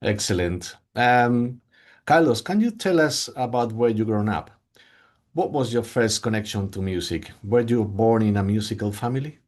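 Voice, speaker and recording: A man's voice: lowish voice, lively intonation, moderate pace, darkish tone. A man hosting an interview, asking formal, brief questions. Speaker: interview host.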